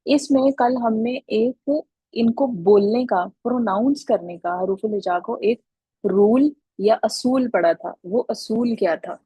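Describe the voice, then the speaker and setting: A woman's voice: on the high side, measured pace, warm tone, breathy edge, no room sound, low-quality recording. A woman teaching an Arabic grammar lesson online over a video call, patiently calling on students by name.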